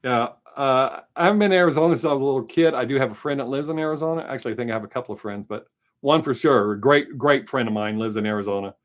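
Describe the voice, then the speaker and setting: A man's voice: mid-range voice, rapid-fire. A middle-aged American man with a Southern drawl, hosting a casual live stream and rambling frankly through viewer questions with some swearing. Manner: rambling, chatty, frank and profane. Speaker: livestream host answering chat.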